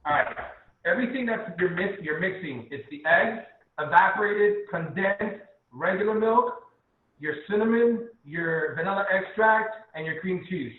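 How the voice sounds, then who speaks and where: A man's voice: high-pitched, normal speed. A man teaching a live online cooking class over a video call, patiently walking through each step and repeating it. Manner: instructive, repeats steps patiently. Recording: tinny phone-like line, echoey room.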